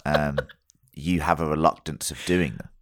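Very deep-voiced man in casual banter. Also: steady tone, moderate pace, dry recording, clean studio sound. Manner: sweary, matey and jokey banter. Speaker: podcast co-host. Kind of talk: casual review chat.

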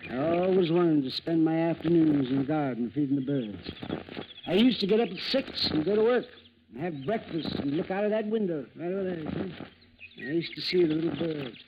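A man's voice: fairly high pitch, animated, a little fast, highs cut off, close to an everyday voice. An actor playing a sour, bossy retired rich man in his late fifties, in an old radio drama. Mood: grumpy. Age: 50s. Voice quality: querulous, bossy. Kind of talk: 1950s radio drama acting. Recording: old radio broadcast with noise.

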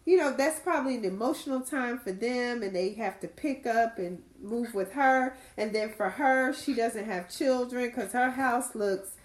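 A woman's voice: on the high side, normal speed, few pauses. A woman chatting casually as a podcast co-host, hesitant and thinking aloud with lots of fillers. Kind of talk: casual chat about a reality show. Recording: echoey room.

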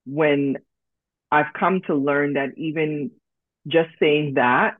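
A woman from Liberia, a podcast guest talking in a calm, reflective way. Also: deep voice, slow pace, no echo. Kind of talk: casual podcast chat. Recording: tinny phone-like line, dry.

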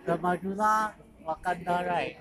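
A woman's voice: lowish voice, fairly even intonation, measured pace, a bit bright. A Singaporean woman in casual, teasing banter, using Singlish particles and tag questions amid busy chatter.

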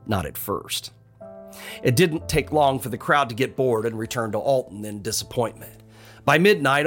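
A man hosting a podcast, narrating a ghost story in a dramatic style with wry, chuckling asides. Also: mid-range voice.

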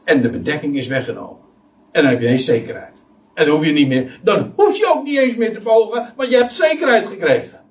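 A man's voice: fairly high pitch, a little fast. A man preaching a Bible-teaching sermon, emphatic and full of restarts. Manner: animated, emphatic, many restarts. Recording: voice somewhat far from mic.

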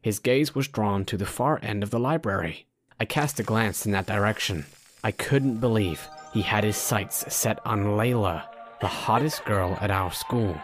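A man with a fairly low voice delivers a scripted first-person story. He talks straight to the listener in the manner of a storytime vlogger. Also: normal speed, faint music behind. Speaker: storytime narrator.

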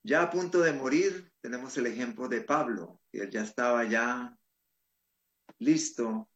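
A pastor with an ordinary, mid-pitched male voice, talking through a Bible study point in a conversational way. He cites verse after verse and corrects himself with small restarts as he goes. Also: measured pace, muffled recording. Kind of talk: Bible study panel comment.

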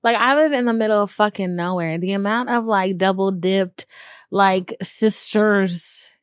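A woman's voice: medium pitch, unhurried, clear, resonant tone, no echo, studio quality. A woman hosting a podcast and chatting casually, candid and slangy with some swearing. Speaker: podcast host. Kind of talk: casual chat and podcast introduction.

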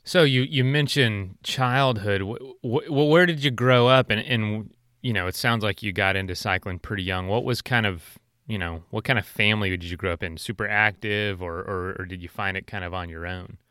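Guy hosting a podcast, smooth crisp voice, rambly w/ lots of uhs, dry close mic. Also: lowish voice, moderate pace, no echo. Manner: relaxed, rambling with frequent fillers and restarts. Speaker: podcast host. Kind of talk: casual interview chat.

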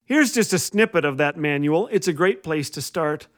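Here a radio host with a fairly high voice and lively intonation tells scripted, funny stories at a moderate pace. It's a humorous inspirational show, and he stays wry and playful, voicing the quoted lines as characters.

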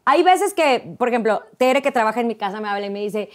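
Woman in her 30s, guest on a chat show, kinda high voice, lively storyteller. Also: quick pace. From Monterrey, Mexico. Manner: chatty storyteller, animated. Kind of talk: casual chat.

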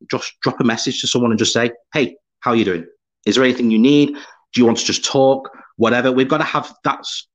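A man's voice: medium pitch, a bit bright. A man from the UK hosting a live-streamed podcast, chatting upbeat and laughing often as he reads out viewer comments. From United Kingdom. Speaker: podcast host. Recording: slightly dull lo-fi sound.

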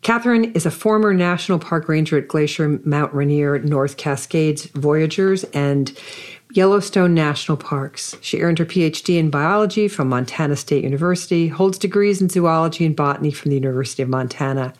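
This podcast host has a deep, brisk voice as she interviews an author. She reads a prepared introduction, then moves on to effusive, admiring questions.

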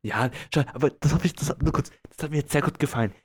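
A man's voice: a little high, quick pace, slightly rough. A young man co-hosting a casual comedy podcast, teasing and mock-serious. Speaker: podcast co-host.

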